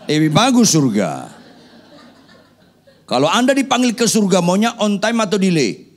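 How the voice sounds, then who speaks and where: A man's voice: high voice, big pitch swings, normal speed. A man preaching a sermon, firing rhetorical questions at the congregation with playful joking asides. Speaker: pastor.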